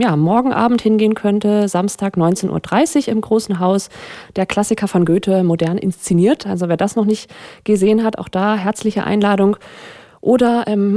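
A woman's voice: mid-range voice, warm tone. A woman presenter casually announcing weekend events, chatty and hesitant with many fillers. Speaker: radio presenter.

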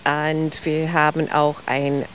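A woman's voice: sits low, level tone, slow, slight background noise. Woman explaining ice cream history. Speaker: ice cream expert guest. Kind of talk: radio interview.

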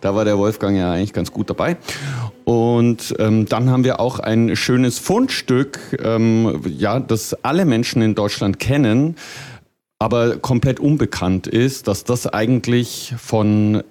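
A man who leads a singing workshop, talking in a lively, jokey way in an interview. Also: fairly low pitch, unhurried. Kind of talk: casual interview chat.

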